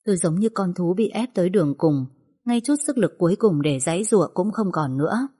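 A woman narrating a first-person story in a soft, sorrowful way. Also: lowish voice, lively intonation, fairly quick, slightly rough.

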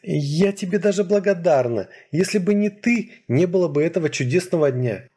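A man's voice: high voice, expressive, moderate pace, mellow, husky, voice pushed up. A man voicing a teasing, playful young woman. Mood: cheerful. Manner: light, teasing, laughing. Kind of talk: audiobook character voice.

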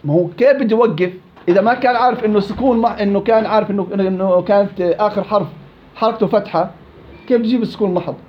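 Man, recitation teacher, fast, high-pitched, muffled lo-fi classroom recording. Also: slight background noise. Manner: explains by repeating and contrasting rules. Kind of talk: classroom tajweed lesson. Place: classroom with students.

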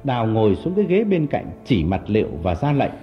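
A man narrating a story in an expressive, dramatic storytelling manner. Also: mid-range voice, a little fast. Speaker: audiobook narrator. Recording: dull lo-fi audio with background music.

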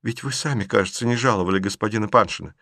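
A man voicing a gentle young woman who answers in a quiet, subdued way in an audiobook reading. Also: fairly low pitch, fast talker, creaky, no room sound, clean studio sound, heavily acted.

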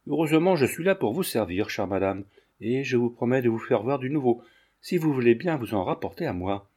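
A chatty young man-about-town talks in a glib, teasing flow, voiced by a male narrator. His voice is mellow and easy. He tends to run on and never quite takes things seriously. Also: mid-range voice, lively intonation, brisk, husky.

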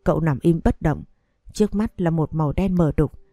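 A woman narrates a tragic story in a low, mellow voice. She reads the characters' lines without changing her voice much. The recording is dry and close, with faint music under it. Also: moderate pace, no echo. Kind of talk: scripted narration of a melodrama story.

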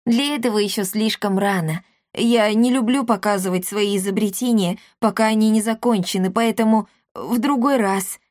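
A woman voicing a timid, inventive orphan boy who talks in a hushed, conspiratorial way in a storybook reading. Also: medium pitch, moderate pace, hardly any pauses, no echo, studio quality, natural voice.

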